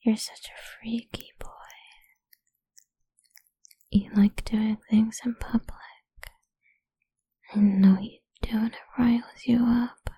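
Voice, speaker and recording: A young woman whispering softly and teasingly in an intimate audio roleplay, humming between lines, close to the mic. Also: a little high, level tone, slow, pauses often, breathy edge, dry recording, poor audio. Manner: soft teasing whisper, murmured hums.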